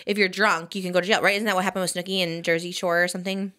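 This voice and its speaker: A young adult woman hosting a podcast in casual chat, animated and full of "like" and "literally". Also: on the low side, racing. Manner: animated, says "like" and "literally" often. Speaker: podcast host.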